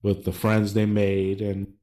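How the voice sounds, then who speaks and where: Homem de voz grave num papo informal. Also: male voice, fairly low pitch, monotone, unhurried, dark tone. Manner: conversational, explaining at length with fillers. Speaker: podcast co-host. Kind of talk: casual chat.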